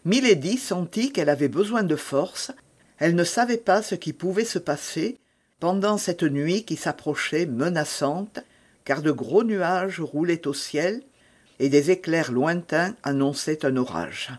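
A man narrating a classic novel in a slow, measured way, building drama. His voice sits a little higher than most men's. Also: expressive.

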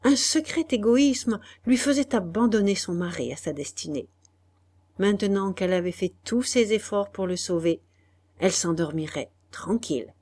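A woman narrating a literary audiobook in a measured, calm storytelling voice. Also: medium pitch.

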